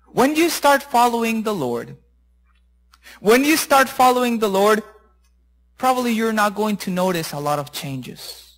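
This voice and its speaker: A man preaching a sermon, retelling a Bible story with animated, acted-out voices. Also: high voice, unhurried, low-quality recording. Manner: animated, acts out characters' voices.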